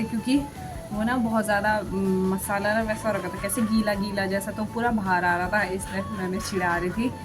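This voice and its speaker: A woman vlogging casually at home, chatty and teasing, often breaking into laughs. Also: mid-range voice. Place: home kitchen and indoors. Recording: echoey room with music behind.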